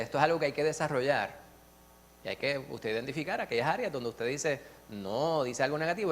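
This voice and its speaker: A man sharing at a church Bible study, earnest and lively, telling stories with many restarts and asides. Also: a little high, a little hiss or hum. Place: church classroom.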